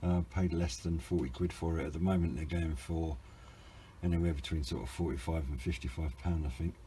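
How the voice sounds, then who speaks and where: A man's voice: rumbling low, steady tone, brisk, mellow, slight background noise. A British man giving an informal, hesitant and understated hobby product review, rambling a little as he explains. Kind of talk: informal unboxing and review narration.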